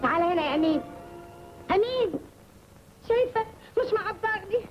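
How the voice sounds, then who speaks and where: Coquettish egyptian young woman, very high lively voice, fast, dull old film audio, music. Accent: Egyptian Arabic. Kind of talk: 1950s Egyptian film acting.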